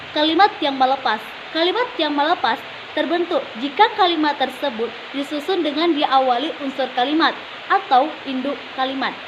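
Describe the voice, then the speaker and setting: A young woman, a student presenter, reading definitions and examples from a class presentation in an even way. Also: sits high, lo-fi sound, background noise. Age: young adult.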